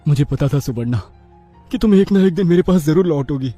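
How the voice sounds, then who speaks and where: A woman voicing a gentle, devoted young husband who speaks softly and tenderly in a storybook tale. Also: deep voice, lively intonation, brisk, faint music behind, pitched below the performer's own voice. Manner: soft, pleading, tender.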